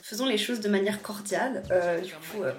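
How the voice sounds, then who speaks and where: A woman's voice: mid-range voice, moderate pace, crowd noise. Young woman chatting in a roomy space. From Geneva, Switzerland. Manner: informal, self-mocking, chatty. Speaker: YouTube vlogger. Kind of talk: casual chat to camera, Q&A vlog. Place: indoors at home. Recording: roomy echo, faint music behind.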